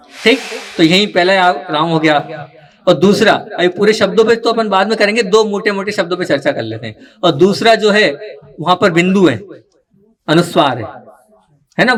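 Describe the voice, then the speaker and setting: A man with a somewhat raised pitch teaches a gathered group. He explains patiently and keeps asking whether everyone follows. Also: fairly bright tone. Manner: explanatory, coaxing, checks in with listeners often. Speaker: teacher of religious recitation. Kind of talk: live teaching talk to a group.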